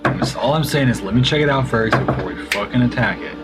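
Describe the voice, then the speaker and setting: A man's voice: medium pitch, fast. A man playing a tabletop game, cautious and exasperated with his teammates. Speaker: player. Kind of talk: casual tabletop play. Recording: music behind.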